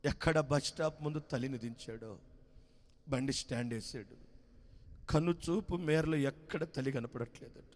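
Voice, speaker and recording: A man preaching, telling a sad story with great emotion, moving between hushed lines and loud wailing cries. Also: medium pitch, normal speed, in a large hall.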